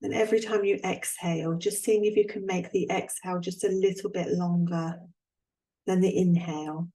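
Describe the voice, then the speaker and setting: The recording is rough as a slightly low-voiced woman leads a relaxation meditation, giving gentle instructions in a calm, soothing tone with unhurried gaps between them.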